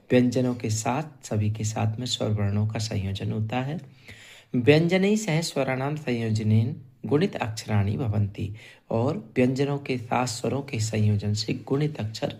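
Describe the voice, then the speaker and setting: Male teacher, mid-pitched, patient drilling pace, repeats each syllable. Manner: slow, drilling sounds one by one, repeating syllables. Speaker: Sanskrit teacher. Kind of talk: classroom grammar lesson.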